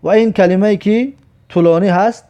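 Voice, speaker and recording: A patient teacher with a Tajik accent walks learners through a reading lesson, drawing out each word slowly and repeating it. His voice sits a little high for a man but sounds dark and mellow. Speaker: Arabic alphabet teacher. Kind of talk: slow, repetitive reading lesson.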